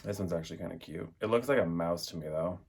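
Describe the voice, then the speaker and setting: This young man has a deep, creaky, slightly rough voice and talks fast while reviewing an oracle deck in a casual vlog chat. He rambles, packing his speech with fillers like "like" and "um."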